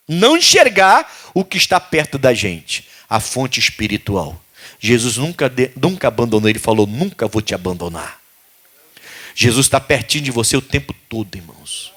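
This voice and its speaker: A man's voice: mid-range voice, fairly bright tone. A man preaching a sermon as pastor, asking the congregation questions and acting out desperate cries.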